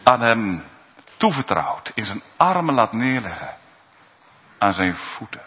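A man preaches slowly and deliberately, his pitch leaping high and dropping low. The recording is muffled and lo-fi, and a long reverb trails every phrase in the church. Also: big pitch swings. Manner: earnest preaching, swinging from soaring high cries to hushed low tones. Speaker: pastor. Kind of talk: sermon.

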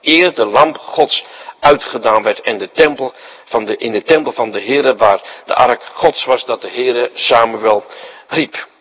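A male preacher with a husky, mid-range voice, speaking a little slowly on a low-quality recording, addresses his congregation. He asks rhetorical questions and acts out the story, moving between loud emphasis and quiet asides.

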